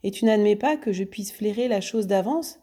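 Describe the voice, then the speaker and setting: A woman voicing a sly, taunting gentleman thief, a grown man who mocks his rival while she reads a storybook aloud. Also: mid-range voice, normal speed, slightly rough, voice pushed up, natural voice. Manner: taunting, teasing, condescending.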